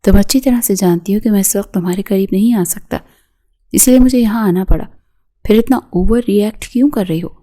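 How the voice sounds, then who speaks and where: A woman's voice: mid-range voice, no echo, natural voice. A woman reading the lines of an exasperated young husband who answers sharply. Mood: angry. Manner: angry, sharp tone.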